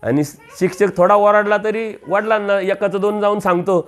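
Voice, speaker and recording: A man's voice: high-pitched, steady tone, normal speed. A man preaching a storytelling sermon, acting out the voices of a village parable and rising for emphasis.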